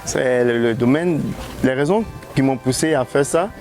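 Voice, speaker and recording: A man's voice: mid-range voice, moderate pace, a little mellow. A man from Côte d'Ivoire, interviewed outdoors as a guest, speaking hesitantly with many restarts. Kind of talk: street interview. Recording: music bed underneath.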